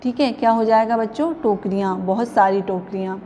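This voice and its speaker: A woman's voice: mid-range voice, fairly even intonation, fairly quick, mellow, in a large hall, a little hiss or hum. A woman teaching young children a grammar lesson, patiently asking the class questions and repeating each answer. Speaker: primary school teacher.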